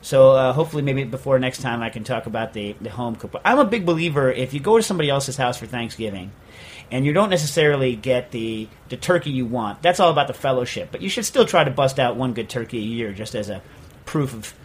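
A man's voice: mid-range voice, lively intonation, fast, husky. A man hosting a casual radio show from a studio, joking and rambling with lots of fillers. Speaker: host.

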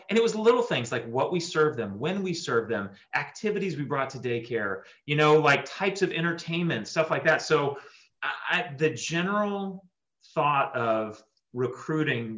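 A man, a tournament director, telling stories in an interview with lots of fillers and animated asides. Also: a little high, echoey room, lo-fi sound. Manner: chatty, animated storytelling with fillers. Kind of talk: interview soundbites.

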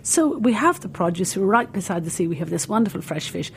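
Her voice is medium in pitch, gravelly and very animated, delivered briskly with a little hiss or hum in the background. The older Irish cookery school founder rambles through long stories in an interview, leaning on lots of fillers.

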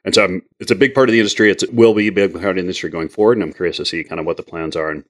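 This podcast host has a low voice and races along, rambling and filling his speech with fillers as he brings on his guest and puts questions to them in an interview conversation.

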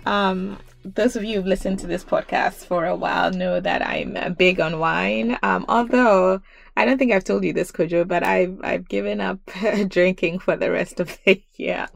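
A woman's voice: medium pitch, steady tone, moderate pace, gravelly, no room sound. A woman from Ghana hosting a podcast interview, speaking hesitantly with many ums and laughing easily. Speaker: podcast host.

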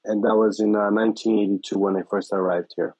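A Brazilian man in his fifties, a chef and restaurant owner, speaks with a Brazilian Portuguese accent in a casual interview. His voice is on the low side, a little mellow and husky, delivered fast and flat yet hesitantly with many fillers. The sound is dry, slightly dull, with no room sound.

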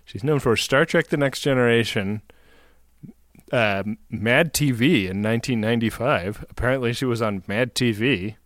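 A man's voice: mid-range voice, moderate pace, a bit bright, dry recording, clean studio sound. A man co-hosting a podcast, chatting casually and jokingly about a TV episode, laughing often. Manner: joking, laughs often, retells scenes with playful voices. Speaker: podcast co-host. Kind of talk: casual chat recapping a TV episode.

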